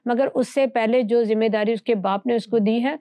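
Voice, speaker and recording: A woman with a fairly high voice teaches from scripture in an earnest, conversational way. She presses her points with rhetorical questions. The sound is dry and close. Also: fairly even intonation, dark tone, dry recording. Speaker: Bible teacher.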